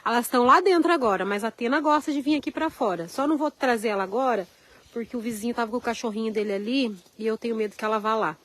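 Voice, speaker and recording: A woman's voice: on the high side, fast, a bit bright, no room sound, poor audio. A woman with a Carioca Brazilian accent, chatting on a live vlog outdoors in the snow, greeting viewers by name as she walks around, feeling the cold. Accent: Carioca Brazilian Portuguese. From Rio de Janeiro, Brazil. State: cold, chilled hands. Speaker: vlogger. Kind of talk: live-stream chat outdoors, reading viewer comments. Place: outdoors at a snowy RV park.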